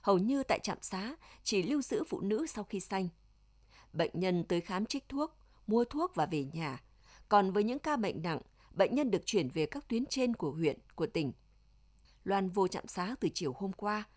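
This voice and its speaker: A woman narrating an audiobook in a steady, measured way. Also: mid-range voice.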